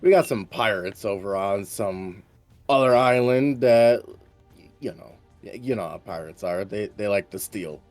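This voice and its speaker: A man's voice: fairly low pitch, darkish tone, no echo, soft background music, natural voice. A man doing a stammering, waddling village leader. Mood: nervous. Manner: nervous stammer, halting.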